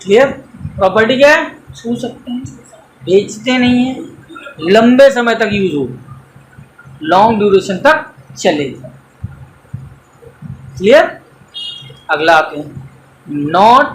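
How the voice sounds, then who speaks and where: High-voiced male accounting teacher. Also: expressive, slow pace, pauses often, reverberant, slight background noise, low-quality recording. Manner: conversational, quizzes students with everyday examples. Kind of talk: classroom lecture mixing Hindi and English. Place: coaching centre classroom.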